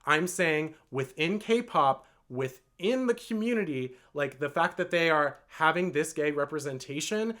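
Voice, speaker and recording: Male vlogger with a somewhat high voice, earnest and rambling, filler-heavy delivery. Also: a little slow, hardly any pauses, fairly bright tone. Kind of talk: storytime vlog.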